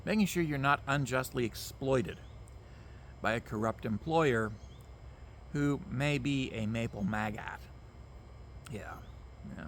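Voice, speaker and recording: A man's voice: mid-range voice, takes it slowly, long pauses, slight background noise. A man, ranting emphatically to camera outdoors, repeating himself and swearing. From Canada. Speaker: vlogger. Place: outdoors among mosquitoes.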